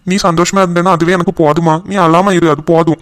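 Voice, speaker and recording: A man's voice: fairly high pitch, flat delivery, fast, fairly bright tone, lightly acted. A man voicing a reluctant young son. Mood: soothing. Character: young man home from abroad, reluctant but caring son.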